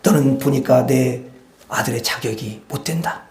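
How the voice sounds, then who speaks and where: A man's voice: mid-range voice, unhurried, creaky, voice pushed down. A man doing a furious scolding parent. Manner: shouting, scolding. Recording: roomy church echo.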